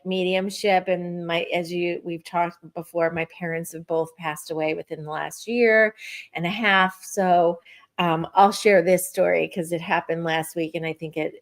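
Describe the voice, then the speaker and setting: A middle-aged woman tells a personal story in a relaxed podcast conversation. She is animated and lively, and she acts out what she and others said along the way. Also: on the low side. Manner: lively, animated retelling with acted-out quotes. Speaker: podcast guest. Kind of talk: personal storytelling in casual chat.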